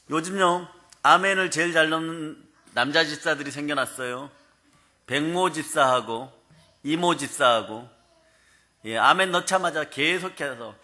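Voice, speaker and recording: A male pastor preaching a sermon in a humorous, lively way, often prompting the congregation to answer. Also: a little high. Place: prayer house sanctuary.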